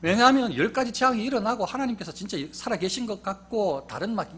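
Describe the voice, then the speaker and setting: A man preaching a sermon as pastor, swinging from loud emphatic peaks to low hushed asides in a husky voice. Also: animated, quick pace.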